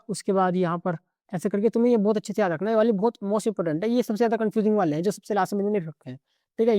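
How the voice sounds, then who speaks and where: Man rattling off spelling tips, mellow and dry. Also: high voice, dry recording. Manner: rattles through word lists, peppering every line with 'okay'. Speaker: exam-prep English teacher. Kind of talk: casual spoken lesson.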